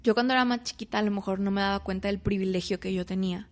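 A young Mexican woman with a medium-pitched voice talks at a rapid-fire clip. Guesting in a casual interview, she tells her life story as a lively storyteller, acting out the voices of her family members.

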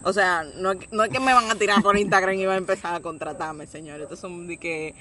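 A woman's voice: lowish voice, steady tone, fast talker, pushed and bright. Playful Dominican woman, noisy recording. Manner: playful, slangy. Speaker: podcast co-host. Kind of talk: casual bantering chat.

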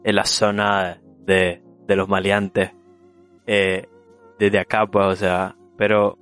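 Low-voiced Nicaraguan man reflecting. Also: completely flat delivery, fairly bright tone, clean tone, faint music behind. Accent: Nicaraguan Spanish. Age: young adult. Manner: reflective, halting, restarts often. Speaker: older brother. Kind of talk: casual chat.

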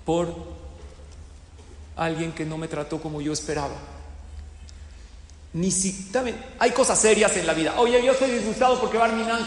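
A man preaches in a rather high voice, spinning stories and tossing questions out to his listeners. His voice rings through a large hall with a long, heavy reverb and faint room noise behind. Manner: lively storyteller asking the audience questions. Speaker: religious teacher. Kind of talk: sermon to a live audience.

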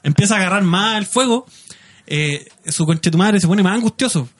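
A Chilean man with a Chilean Spanish accent, co-hosting a casual podcast chat in a relaxed, joking, slangy way. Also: high voice, a little fast. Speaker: podcast co-host.

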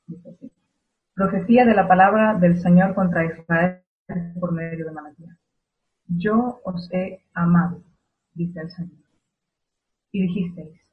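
A woman with a Spain Spanish accent preaches in a measured, reflective way, building her points through repeated rhetorical questions. The sound is thin and tinny, like it came through a phone line. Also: on the low side. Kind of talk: sermon.

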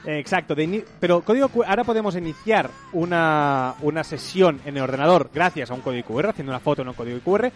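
A man's voice: fairly high pitch, lively intonation, quick pace, soft background music. A man, co-hosting a podcast and explaining tech news in a loose, casual chat. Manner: explains news items at length, loose and chatty. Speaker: podcast co-host.

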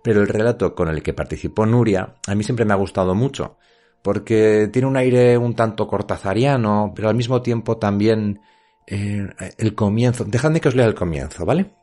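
A man's voice: on the low side, normal speed, mellow, faint music behind. A middle-aged man with an accent from Spain hosting a literary podcast, speaking directly to the listener in a conversational storytelling way. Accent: Spanish from Spain. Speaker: podcast host.

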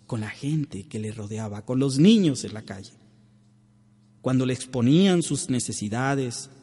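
A man delivers a devotional sermon in an unhurried, deliberate way, speaking straight to whoever is listening. His voice carries a husky edge, and a long reverb trails each phrase. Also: medium pitch, dark tone. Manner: earnest, addresses the listener directly. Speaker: host of a prayer program.

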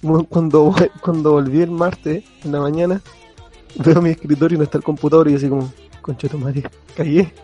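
Young man, Chilean accent, slightly high, husky, slangy animated storyteller, faint music behind. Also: fast talker, dull audio. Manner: slangy, animated, laughs often while telling. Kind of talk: casual storytelling chat.

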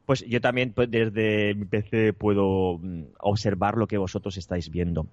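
A man's voice: fairly low pitch, steady tone, moderate pace, darkish tone, no room sound. A man with a Spain Spanish accent, co-hosting a podcast with playful, rambling jokes. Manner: playful, jokey, rambling riffs. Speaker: podcast co-host. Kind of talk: casual comedic chat. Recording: dull, dry lo-fi sound.

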